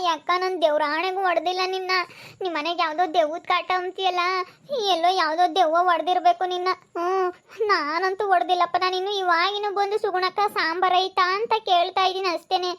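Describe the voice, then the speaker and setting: A village neighbor woman, played by a woman keeps protesting and pleading in a very high voice. She speaks with a rural central Karnataka accent. The setting is a village comedy skit. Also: level tone, brisk, a bit bright. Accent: rural central Karnataka Kannada.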